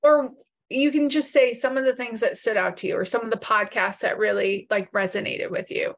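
A woman's voice: fairly high pitch, steady tone, moderate pace, vocal fry. Chatty woman co-hosting a podcast. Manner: chatty, laughs often, self-teasing. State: morning voice. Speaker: podcast co-host. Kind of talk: casual podcast chat.

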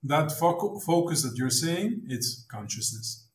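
A man joining his daughter as a guest in a casual book discussion, speaking in a warm, appreciative way. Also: on the high side, expressive, measured pace, reverberant. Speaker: guest, host's father.

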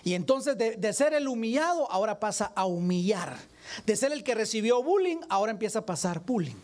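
A man preaching a sermon, animated and questioning his congregation directly. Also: sits high, a little fast.

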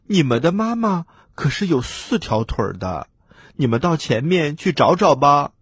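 A man voicing a big, good-natured catfish mother in a children's story, low and soft. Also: very animated, moderate pace, husky, no room sound, studio quality, heavily acted. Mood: amused. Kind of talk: storybook role-play.

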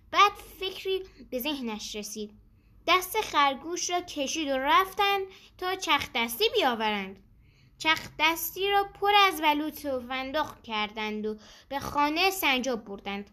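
High bright-voiced woman storyteller. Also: expressive. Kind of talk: children's story narration.

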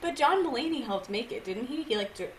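A woman's voice: fairly high pitch, lively intonation, a little fast, poor audio. A woman in her twenties co-hosting a casual chat podcast, laughing often and mimicking voices as she tells stories. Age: 20s. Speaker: podcast co-host.

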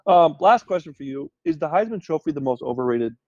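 A man co-hosting a casual sports chat, opinionated and chatty, quick to tease. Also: on the high side, animated, a little mellow, no room sound, highs cut off. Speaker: sports podcast co-host.

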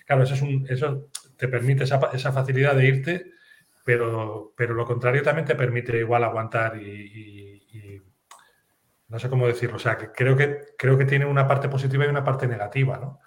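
A man's voice: mid-range voice, steady tone, a little fast. A man interviewing a basketball player, rambling and thinking aloud, often checking with a tag question. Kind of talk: casual interview chat.

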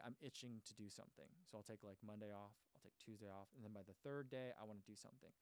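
The host of a running channel has a smooth, mid-range voice recorded with no echo. He chats casually on a livestream and reads viewer comments aloud, rambling with frequent fillers and restarts.

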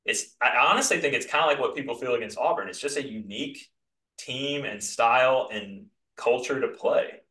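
Bright-voiced man ranting in a roomy echo. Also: medium pitch, moderate pace. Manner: emphatic, animated ranting. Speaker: podcast host. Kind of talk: casual sports chat.

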